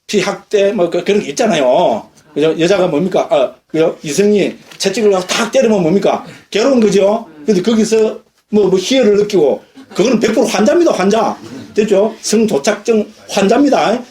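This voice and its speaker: A middle-aged man, a Buddhist monk, giving a lively dharma lecture and asking his listeners questions. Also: high-pitched, moderate pace, few pauses. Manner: lively, questions the audience often. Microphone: lecture recording.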